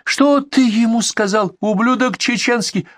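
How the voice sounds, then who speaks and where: A man's voice: very high-pitched, unhurried, no room sound, studio quality, pitched above the performer's own voice. A man reading an audiobook, voicing a desperate, hysterical bandit who screams threats at a camp. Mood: frantic. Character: hysterical knife-wielding male bandit, desperate.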